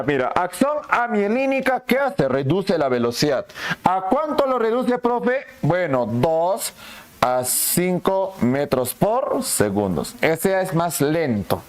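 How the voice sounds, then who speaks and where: A male anatomy teacher giving a lively classroom lecture, asking questions and answering them himself, sometimes voicing the students. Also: on the high side. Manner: asks and answers his own questions, plays the students' lines too.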